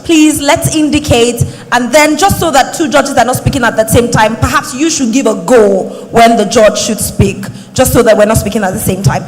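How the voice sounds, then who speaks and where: A woman hosts a live event in a high-pitched voice. She is formal and courteous, and the big hall gives her words a long reverb. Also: normal speed, hardly any pauses, faint music behind.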